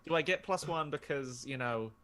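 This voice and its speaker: Hesitant, wry male player in casual game talk; bright, forward tone. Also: fairly high pitch, moderate pace. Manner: hesitant, many fillers, wry. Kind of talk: casual tabletop game play.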